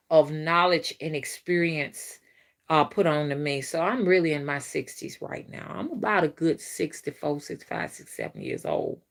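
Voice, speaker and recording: On a casual spiritual live stream from her phone, a woman with a low voice talks straight to her viewers and reads their comments. She rambles and repeats herself as she goes.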